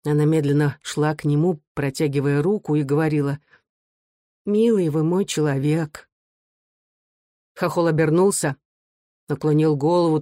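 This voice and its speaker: An audiobook narrator reading literary prose in a measured, expressive way. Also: mid-range voice, no room sound, studio quality.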